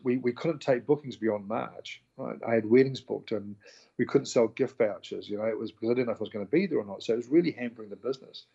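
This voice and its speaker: A New Zealand-accented man, here an interview guest, tells his story casually and animatedly, voicing the people he quotes. He speaks quickly in a mid-range voice that's husky with vocal fry, and the highs are cut off.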